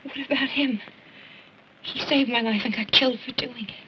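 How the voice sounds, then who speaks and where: A woman's voice: fairly high pitch, steady tone, moderate pace, natural voice. An actress playing a distressed young woman who pleads and withdraws, from a dull, noisy old film soundtrack. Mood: pleading. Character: distressed young woman pushing her lover away.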